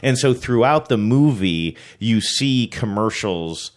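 A man's voice: fairly low pitch, lively intonation, slow. A man co-hosting a show in a casual, conversational style. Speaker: co-host. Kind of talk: casual conversational film discussion.

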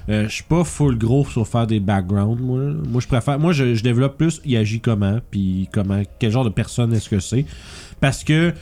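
A man's voice: medium pitch, normal speed, warm tone. Quebecois man in casual gaming chat. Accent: Quebec French. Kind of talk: casual chat about tabletop role-playing games.

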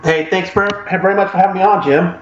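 A man answering as a radio show guest, heard over an echoey internet call, with quick, friendly replies. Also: high voice, fairly even intonation. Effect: echoey sound over an internet call. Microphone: own microphone over an internet call. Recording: echoey, dull internet call with faint hiss.

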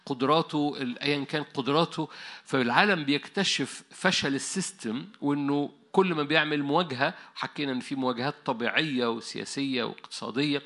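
A man with an Egyptian accent preaching an animated sermon, telling stories and laughing. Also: medium pitch. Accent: Egyptian Arabic.

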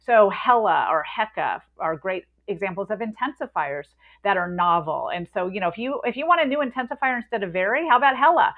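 A woman, a linguist and author, explaining language ideas in a lively interview with spoken examples. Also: mid-range voice, fairly quick, hardly any pauses. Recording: tinny phone-like line.

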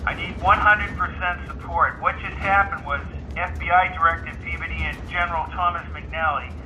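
A man's voice: fairly high pitch, steady tone, normal speed, recorded from a distance, pitched above the performer's own voice. A man voicing a stern US president who gives clipped orders over a phone line. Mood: commanding. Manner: clipped and commanding. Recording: dull lo-fi phone sound with hiss.

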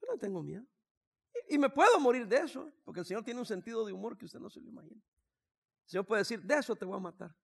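A sixty-year-old pastor delivers a sermon in a high voice with a gravelly rasp. He tells stories with humor, drops to quiet asides, then rises to shouted declarations. His gravelly voice stays high-pitched even when he speaks softly. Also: fast. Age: 60s.

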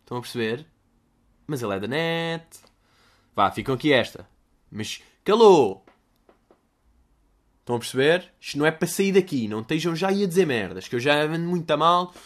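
A man's voice: on the high side, animated, quick pace, a bit bright. A young man with a European Portuguese accent, answering listener questions in a rambling, crude, jokey comedic monologue.

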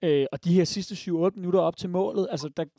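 A man's voice: high voice, mellow, no room sound, clean studio sound. A Danish man giving strong opinions on football in a casual podcast chat, with many fillers. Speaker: podcast panelist.

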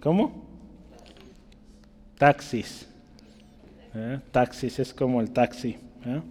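A man teaching a casual Bible class as a pastor, chatty and checking in with his listeners, stretching out key words slowly to stress them. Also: mid-range voice, a little mellow, a little hiss or hum. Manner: chatty, keeps checking in with the room. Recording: long reverb in a hall.

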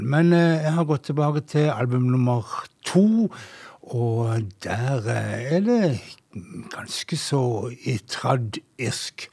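Male radio host, unhurried and slightly husky, introduces records with halting pauses. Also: mid-range voice, darkish tone. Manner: hesitant, with frequent filler sounds. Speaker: radio music presenter. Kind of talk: casual radio music presenting.

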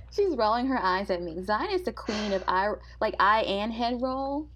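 A young woman co-hosting a podcast, chatting casually in a soft, comforting voice and laughing often. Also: a little high, animated, a little slow, slight background noise. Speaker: podcast co-host. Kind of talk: casual chat.

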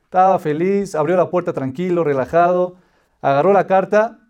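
A man's voice: high-pitched, moderate pace, darkish tone, clean tone, highs cut off. A man teaching a religious lesson, telling a parable and explaining it patiently in repeated listed phrases. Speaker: Torah teacher.

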